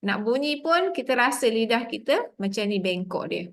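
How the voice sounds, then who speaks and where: A woman's voice: a little high, sing-song, normal speed. A woman with a Malaysian Malay accent teaching a tajweed class, explaining sounds patiently step by step. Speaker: Quran recitation teacher. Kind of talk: online tajweed lesson.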